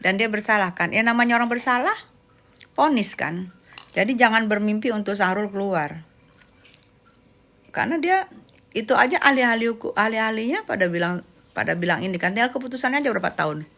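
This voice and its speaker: A young woman chats live with her viewers, answering their comments with sassy, teasing remarks full of slang. Her voice is bright and forward. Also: mid-range voice, lively intonation, a little fast, long pauses. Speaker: livestream host chatting with viewers. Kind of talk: casual live chat, reading comments.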